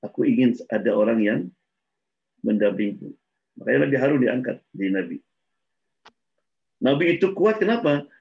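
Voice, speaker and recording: Gravelly man telling sermon stories. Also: mid-range voice, a little mellow. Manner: storytelling, acts out dialogue, laughs between points. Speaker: preacher. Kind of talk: informal religious talk with stories. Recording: dull lo-fi recording.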